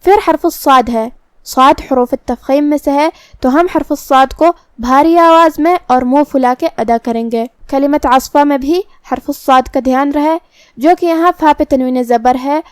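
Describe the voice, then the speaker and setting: Female recitation teacher, high clear voice, methodical and precise, dry close sound. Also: dry recording. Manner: slow, methodical, precise articulation. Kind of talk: tajweed lesson explaining pronunciation rules.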